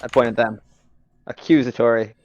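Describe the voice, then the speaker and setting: Casting: male tabletop gamer, mid-pitched, informal and expressive, improvising and describing his character's moves. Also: moderate pace, no room sound, highs cut off. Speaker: tabletop game player. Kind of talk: casual improvised role-play chat.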